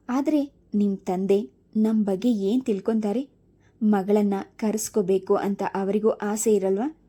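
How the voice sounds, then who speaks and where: A woman's voice: mid-range voice, dark tone, natural voice. A woman voicing a caring older mother-in-law who soothes and coaxes in a story reading. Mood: coaxing. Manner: soothing, coaxing.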